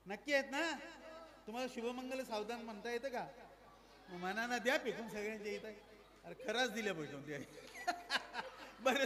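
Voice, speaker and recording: A man performing a magic show for children, coaxing and quizzing his young audience in a playful, lively way. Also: very high voice. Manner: playful, coaxing, asks the crowd questions. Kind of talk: lively stage patter with audience.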